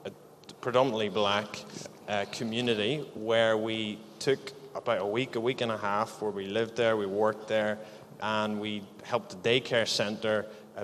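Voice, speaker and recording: A man's voice: lowish voice, a bit bright, a little hiss or hum. Encouraging man in an echoey hall. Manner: upbeat, encouraging, prompting questions. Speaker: church leader hosting an interview. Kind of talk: live church interview. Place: church hall. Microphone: handheld microphone.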